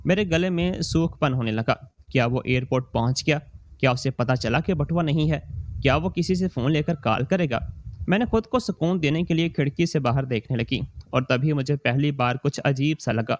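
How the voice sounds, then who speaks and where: A man reading a scripted moral story in the first person, slow and steady. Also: a little high.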